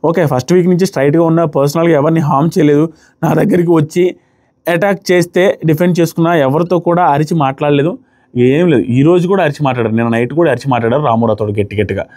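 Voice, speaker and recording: A man's voice: fairly high pitch, darkish tone. A man casually reviewing a reality show episode, giving his opinions to viewers. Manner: fast, opinionated, talking to viewers.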